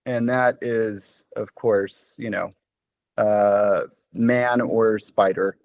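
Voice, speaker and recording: A man's voice: fairly low pitch, fairly even intonation, extremely slow, dry recording. An American man chatting on a video call, rambling and self-deprecating, with lots of fillers. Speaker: conlang relay participant. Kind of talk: casual video call chat.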